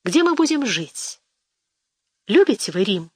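A man's voice: sits high, sing-song, unhurried, slightly rough, dry recording, clean studio sound, exaggerated voice. A woman reading an eager young suitor. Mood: earnest. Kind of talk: audiobook character reading.

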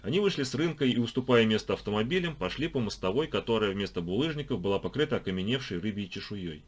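A man reading an audiobook aloud with animated, ironic storytelling. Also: lowish voice, fast, husky. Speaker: audiobook reader. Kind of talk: expressive audiobook narration.

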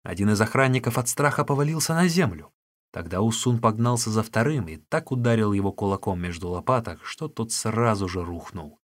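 A man narrating an audiobook of a classic novel in a measured storytelling manner. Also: on the low side.

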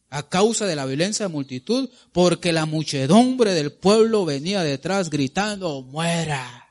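A man preaching a sermon, dramatically asking the congregation questions and answering them himself. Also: fairly high pitch.

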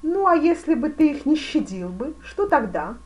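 A woman voicing an imperious, hot-tempered grand duke in an audiobook, speaking in loud, commanding bursts. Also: high voice, a little fast, voice pushed up. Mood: demanding. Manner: loud, commanding, excitable shouts. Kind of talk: audiobook character reading.

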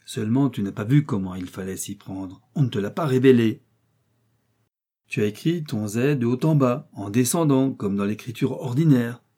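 A man's voice: mid-range voice, normal speed, mellow, lightly acted. A man voicing a menacing master criminal who gloats over a captured detective, in an audiobook reading. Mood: gloating.

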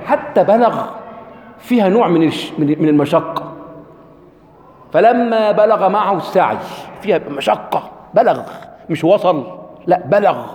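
A man's voice: high voice, darkish tone. A man with an Egyptian accent giving a religious lecture, constantly asking the audience rhetorical questions. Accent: Egyptian Arabic. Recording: echoey hall with long reverb.

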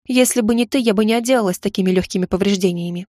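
A woman reading an audiobook gives voice to a proud young witch, sarcastic and quick to snap back. Her tone sits close to the narrator's own, recorded dry and close. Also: medium pitch, mellow, no room sound, close to an everyday voice. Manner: sarcastic, snapping. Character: young witch heroine, sharp-tongued, proud.

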